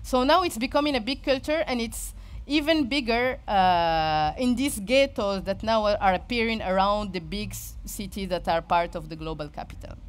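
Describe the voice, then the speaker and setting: A woman with a Moroccan accent giving an informal talk, haltingly searching for words and often repeating herself. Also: medium pitch, clean tone. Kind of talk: informal spoken presentation.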